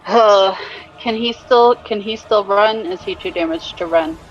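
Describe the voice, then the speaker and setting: Female tabletop player, slow and hesitant, thinking aloud, slightly dull audio. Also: medium pitch. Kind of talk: casual game chat. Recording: dull lo-fi audio, faint music.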